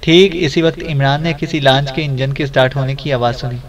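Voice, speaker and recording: A man narrating an adventure novel as an audiobook, in a steady, even storytelling voice. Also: medium pitch, a little fast.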